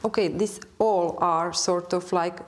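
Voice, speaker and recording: Thoughtful low-voiced woman on a panel. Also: steady tone, measured pace. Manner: thoughtful, many hesitations, gently questioning. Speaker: panel guest, Iran expert. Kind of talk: panel debate. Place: public debate hall.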